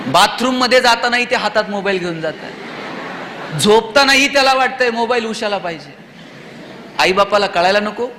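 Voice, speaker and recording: A man with a Marathi accent addresses students in a motivational speech, leaning on rhetorical questions and lively storytelling. His voice sits high and sounds bright and forceful. The recording carries the long reverb of a large hall. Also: a little hiss or hum. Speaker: motivational speaker. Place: auditorium.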